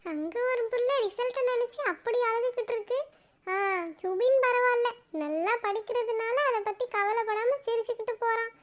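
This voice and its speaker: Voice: extremely high pitch, moderate pace, muffled recording. A voice actor playing a nosy, teasing village aunt in a cartoon who quizzes a boy about his marks. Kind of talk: cartoon voice acting.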